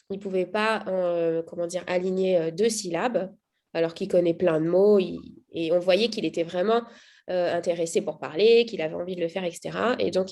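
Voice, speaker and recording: A mother telling how her child has changed, speaking casually with frequent pauses, fillers and restarts. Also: fairly low pitch, dark tone. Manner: hesitant, many fillers and restarts. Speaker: mother giving a testimonial. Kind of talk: casual spoken testimonial.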